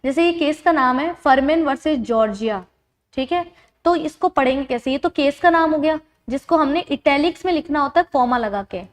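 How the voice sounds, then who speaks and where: A woman's voice: high voice, normal speed. A woman tutor teaching an exam-prep lecture, explaining things step by step and checking that her students follow.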